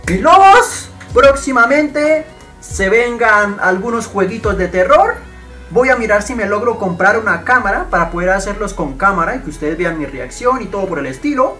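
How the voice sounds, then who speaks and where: Excitable man shouting over gameplay. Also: high voice, normal speed, soft background music. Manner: excitable, shouts and swears at the game. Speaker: gaming YouTuber. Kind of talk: gameplay commentary.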